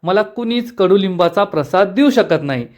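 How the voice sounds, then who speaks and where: A man's voice: high voice, expressive, moderate pace, a little mellow. A man voicing a young male boss in a serial recap, hurrying to dodge an awkward situation. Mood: evasive.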